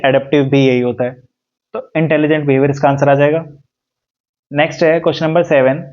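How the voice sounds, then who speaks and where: Man reading exam questions slowly. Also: a little high, dark tone, lo-fi sound. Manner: reads English questions slowly, explains in Hindi with "ठीक है" and "देखो". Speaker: exam prep teacher.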